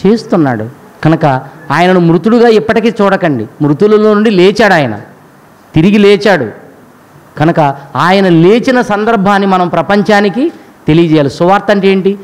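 A man's voice: sits high, lively intonation, moderate pace, poor audio. A man preaching a sermon, addressing the congregation with frequent rhetorical questions. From India.

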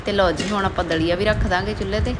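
A woman's voice: medium pitch, fairly even intonation, racing. A woman with a Punjabi accent narrating a casual vlog in a chatty way, recounting daily chores. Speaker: household vlogger. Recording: clear background noise.

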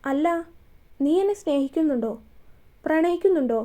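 A woman's voice: sits high, lively intonation, moderate pace, dark tone. A woman voicing a stern, commanding young man who questions firmly and bluntly. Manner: firm, questioning tone.

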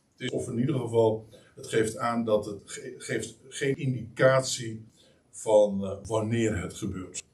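A man preaching a sermon, emphatic and animated, with frequent pauses and restarts. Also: mid-range voice, distant mic, a little hiss or hum. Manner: lively, emphatic preaching with many hesitations. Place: church meeting hall.

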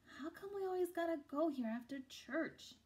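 A woman's voice: very high-pitched, lively intonation, normal speed, darkish tone, voice pushed up. A woman voicing a questioning, slightly wistful young boy from a storybook in colloquial speech. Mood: plaintive, questioning.

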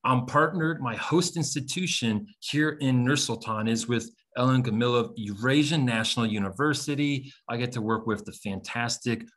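Middle-aged male webinar presenter, American accent, mid-pitched, measured and emphatic, informal lecturing style over a video call. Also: fairly bright tone. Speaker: webinar presenter and English teacher trainer.

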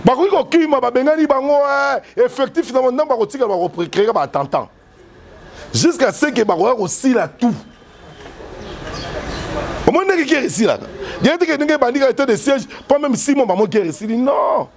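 In an interview indoors by a yellow wall, a middle-aged Congolese-accented man, once a soldier and politician, talks animated politics into a furry handheld mic held close. His voice is extremely high-pitched and very animated at a moderate pace. He's emphatic and gestures, moving between French and Lingala.

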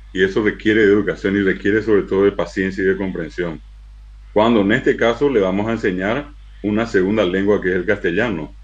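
A man giving a university lecture on language, spelling out syllables slowly and with emphasis. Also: fairly low pitch, muffled recording. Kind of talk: lecture to an auditorium.

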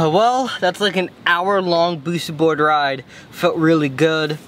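Young dude rambling to his vlog cam, slightly high voice, um and like everywhere, faint noise behind. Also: steady tone, slow, fairly bright tone. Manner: rambling, filler-heavy with lots of "like" and "um". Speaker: vlogger and music producer. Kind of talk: casual vlog talk to camera. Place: outdoors in an apartment parking lot, then a small home music studio. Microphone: handheld vlog camera close to the face.

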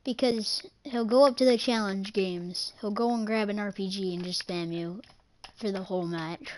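A woman's voice: medium pitch, steady tone, normal speed, a little hiss or hum. A young woman chatting casually while gaming, matter-of-fact and teasing. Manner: matter-of-fact, complains, teases.

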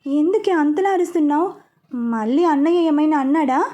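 A woman's voice: high voice, a little fast, mellow, close to an everyday voice. A woman voicing a cheeky, coaxing young man in a storybook reading, speaking lightly and soothingly.

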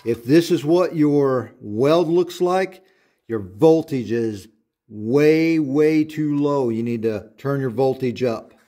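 Slow, deliberate man teaching welding. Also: medium pitch, dark tone. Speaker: welding instructor. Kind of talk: step-by-step tutorial narration. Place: home auto shop.

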